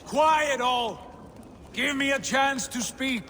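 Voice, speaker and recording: A man's voice: extremely high pitch, takes it slowly, pushed and bright, slight background noise, exaggerated voice. A man playing a proud, fiery Viking prince in a video game, giving commanding, formal speeches to his clan. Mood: rousing, defiant. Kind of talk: dramatic video game cutscene oratory. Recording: long reverberant hall, music behind.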